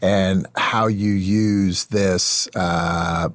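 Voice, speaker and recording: A man's voice: low-pitched, steady tone, drawn-out words, no room sound. A man hosting a casual conversational interview, prompting his guest with informal questions and short interjections. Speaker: interviewer, podcast host.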